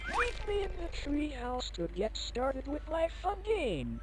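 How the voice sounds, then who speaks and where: A woman's voice: high voice, wildly swooping pitch, measured pace, heavy background noise, heavily acted. A woman voicing a cheerful, controlling computer host in a children's game, with sugary, upbeat, instructive delivery. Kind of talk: children's educational game voice acting. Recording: loud game music over voice.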